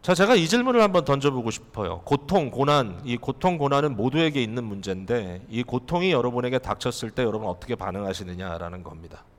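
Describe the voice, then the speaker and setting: A male pastor delivers a sermon with an animated, rising and falling voice, speaking directly to his congregation and posing rhetorical questions. His voice rings out with a long reverb, as in a church hall. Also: mid-range voice, fast talker, hardly any pauses.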